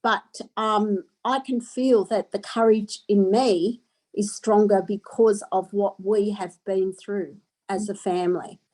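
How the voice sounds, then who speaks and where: A woman's voice: medium pitch, steady tone, slow, warm tone, low-quality recording. A woman taking part in a group talk, speaking hesitantly with fillers.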